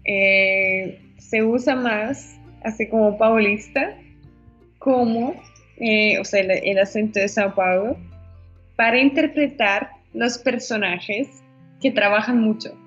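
A woman chatting casually about Spanish accents, lively and playful, laughing often. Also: mid-range voice, slow pace, husky, dull audio, faint music behind.

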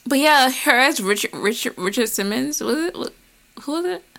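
A woman's voice: high-pitched, lively intonation, moderate pace, creaky, a bit bright. A young woman co-hosting a casual podcast chat, giving brief, dry replies. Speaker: podcast co-host.

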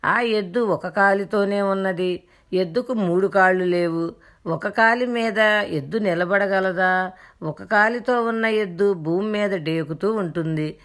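A woman's voice: medium pitch, measured pace. Earnest woman giving a devotional discourse. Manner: explanatory, earnest storytelling with quoted dialogue. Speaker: spiritual storyteller.

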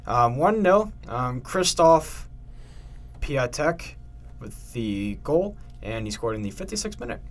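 A man's voice: medium pitch, sing-song, takes it slowly. A man co-hosting a casual sports podcast, reading out weekend match scores with jokey asides. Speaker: podcast co-host.

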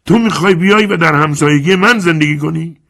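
A male narrator gives voice to a furious landowner in an audiobook, a man who has been cheated and will not keep quiet about it. The voice climbs far above the reader's own and rings loud and indignant. The tone is husky and gravelly, close to a shout throughout. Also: on the high side, lively intonation, pitched above the performer's own voice. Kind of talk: audiobook character voice.

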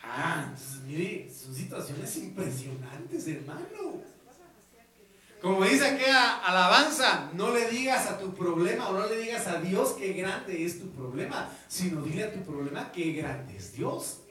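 Fervent pastor, bright echoey voice. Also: male voice, high voice, big pitch swings, unhurried, distant mic. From Guatemala. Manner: fervent preaching that swings from soft asides to loud exclamations. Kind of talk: evangelical sermon. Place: church hall. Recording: echoey church hall.

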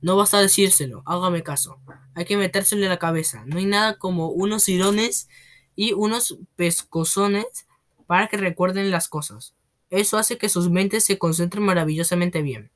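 A bullying headmistress from a read-aloud storybook, roaring and scornful, put on by the reader. The pitch sits in a plain middle range. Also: normal speed, a bit bright, close to an everyday voice. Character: bullying, tyrannical headmistress, woman.

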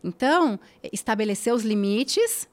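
This podcast guest, an influencer, talks in a high-ish voice with lively intonation and a slightly slow pace. She's casual and emphatic, leaning on repeated phrases for stress and tag questions to check in.

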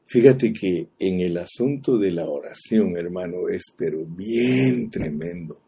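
Deep dark voiced preacher guy, slow and husky, asks the congregation stuff. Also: animated. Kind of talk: sermon.

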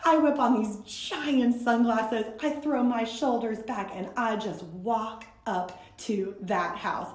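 Lively laughing woman telling a story. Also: on the high side, slow pace, hardly any pauses, roomy sound. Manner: animated, laughing, self-mocking storyteller. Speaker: guest speaker from a women's ministry. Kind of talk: storytelling in a conversation.

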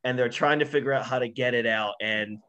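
A man's voice: mid-range voice, a little fast, pushed and bright, clear, resonant tone, dull audio. A man talking casually and with sentimental enthusiasm about a favorite film series.

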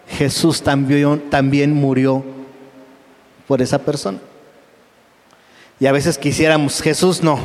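Lively, joking male pastor preaching. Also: fairly high pitch, big-room sound. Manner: lively and humorous, with frequent call-and-response questions. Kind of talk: sermon.

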